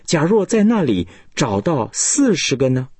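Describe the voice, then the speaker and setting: A man's voice: fairly high pitch, very animated, measured pace, a little mellow, slightly rough, no echo, voice pushed up, exaggerated voice. A man reading scripture aloud, voicing an elderly man earnestly imploring his God. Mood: pleading.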